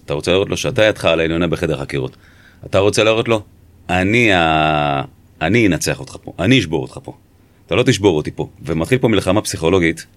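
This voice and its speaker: A former police interrogator tells his story in an interview, his voice low and set down with firm, measured emphasis. He is recorded dry and close, with no room sound. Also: no echo.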